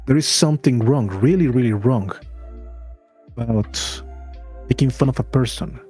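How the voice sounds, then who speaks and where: A man giving opinions in a casual discussion, deliberate and emphatic, repeating phrases to press his point. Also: mid-range voice, warm tone. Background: background music.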